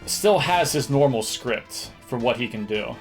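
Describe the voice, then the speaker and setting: Over video game music, a male streamer and speedrunner muses aloud while playing, occasionally breaking into hummed nonsense melodies. He speaks in an animated, unhurried, mid-range voice.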